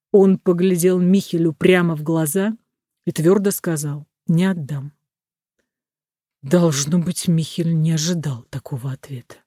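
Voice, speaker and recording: Measured storyteller reading a fairy tale. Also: medium pitch, mellow, dry recording, clean studio sound. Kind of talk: scripted narration of a fairy tale.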